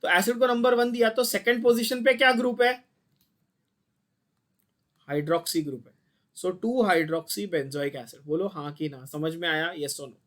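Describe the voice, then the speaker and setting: Man, high voice, chemistry teacher, online class, blunt, quizzing. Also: a little slow, pauses often, fairly bright tone. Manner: mixes Hindi and English, quizzes students constantly, blunt and scolding.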